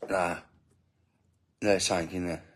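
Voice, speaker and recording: A deep-voiced man talks through a casual live stream. He greets viewers from their comments, stops and restarts his sentences, and slips into indignant asides, all while he feeds his baby. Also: little pitch movement, measured pace. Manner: rambling, self-interrupting, indignant asides. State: feeding a baby while talking. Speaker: family channel host reading live comments.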